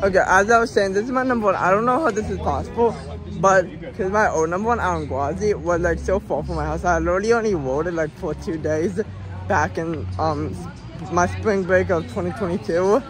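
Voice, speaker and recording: Young male American vlogger, high hoarse voice, excited and halting, phone at arm's length outdoors. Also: over music, poor audio. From Pennsylvania, United States. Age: young adult, late teens. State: hoarse, voice lost from screaming. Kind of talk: casual vlog talk to camera. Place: outdoors in an amusement park.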